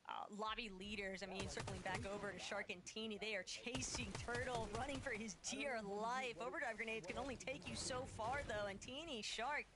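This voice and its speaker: A woman calling live esports action, quickly narrating fights and eliminations. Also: on the high side, steady tone. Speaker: esports commentator. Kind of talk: live play-by-play commentary. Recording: crowd noise behind the voice.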